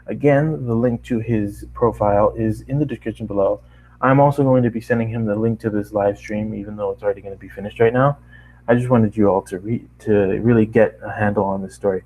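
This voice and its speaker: This amateur voice actor, a man reading fan fiction, tells a story sprinkled with offhand remarks, now and then fumbling a word and saying sorry. He speaks a little quickly in a lowish voice, and the recording's highs are cut off.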